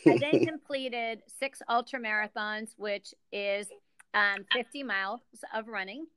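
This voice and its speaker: A woman's voice: mid-range voice, lively intonation, a little slow, a bit bright, clear, resonant tone, dry recording. A middle-aged American woman, a guest on a podcast, explaining things carefully in an upbeat way. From United States. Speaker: guest, executive director. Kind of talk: podcast interview.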